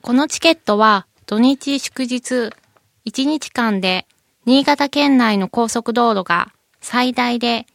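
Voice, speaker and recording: A woman's voice: fairly high pitch, slow, vocal fry, no echo. A woman guest with a cute, moe anime-girl voice, politely presenting scripted information as a company representative. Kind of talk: scripted informational interview segment.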